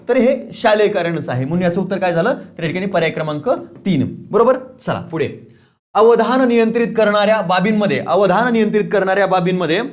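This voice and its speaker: A man teaching an online exam-prep lesson. He asks questions, answers them himself, repeats key points and chuckles now and then. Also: high voice. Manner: repeats key points, says "lakshat theva"; casual, chuckles and teases students.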